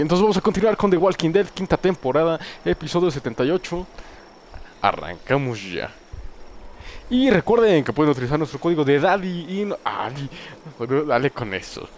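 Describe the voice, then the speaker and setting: A man's voice: fairly high pitch, slight background noise. A man casually talking to his stream viewers and plugging promo codes before starting a game. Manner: relaxed, addresses viewers, plugs sponsor codes. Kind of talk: casual gameplay chat.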